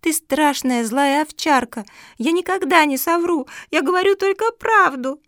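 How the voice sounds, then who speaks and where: A woman's voice: high-pitched, lively intonation, unhurried, fairly bright tone, dry recording, studio quality, voice pushed up. A woman voicing a small, stubborn, honest girl pug puppy in a storybook reading, insistent and emphatic.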